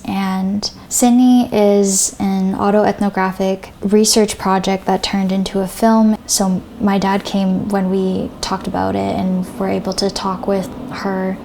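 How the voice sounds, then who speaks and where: A woman's voice: mid-range voice, a little mellow, a little hiss or hum. A young woman artist answering interview questions reflectively, with searching phrasing and frequent restarts. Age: young adult. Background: background music.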